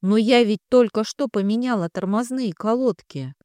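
A woman's voice: on the high side, normal speed, dark tone, dry recording, studio quality, lightly acted. A woman voicing a distraught young woman in an audiobook, speaking in emotional outbursts.

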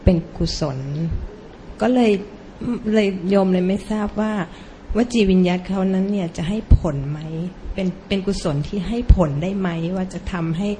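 A woman's voice: mid-range voice, steady tone, normal speed, mellow, slight background noise. A laywoman politely asking a monk a question, hesitant with many fillers. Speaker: lay questioner.

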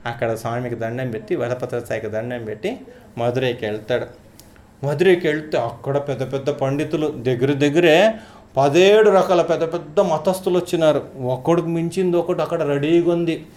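A storyteller retelling a devotional legend in a conversational, lively way. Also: medium pitch, fairly quick.

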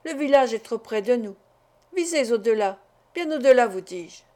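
A pushy traveling peddler, as a woman reader puts him on, insistent and salesman-like. The voice sits slightly high, read in a storybook manner. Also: expressive, normal speed, dark tone, close to an everyday voice. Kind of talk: audiobook character reading.

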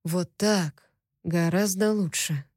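A woman voicing a menacing low-voiced alien captive. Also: a little mellow, dry recording, studio quality. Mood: teasing. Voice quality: deep low voice. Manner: slow, threatening, sarcastic. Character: menacing powerful male alien captive, mocking.

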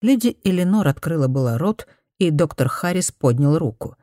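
A woman narrating an audiobook in an even, measured reading voice. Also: sits low, no room sound, clean studio sound. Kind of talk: scripted narration.

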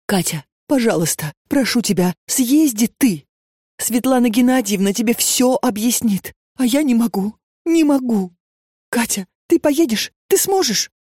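A woman's voice: on the low side, expressive, moderate pace, dark tone, no room sound, clean studio sound. A woman reading an audiobook and voicing a distraught young woman who pleads frantically and breathlessly. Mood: pleading.

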